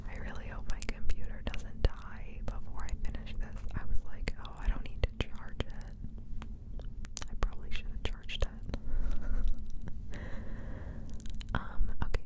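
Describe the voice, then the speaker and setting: A woman whispering softly and close into a binaural mic, moving from ear to ear in a rambling, hesitant, self-deprecating ASMR chat. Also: low-quality recording. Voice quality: soft unvoiced whisper. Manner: whispers close, shifting from one ear to the other. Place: indoors on a couch. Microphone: close binaural microphone.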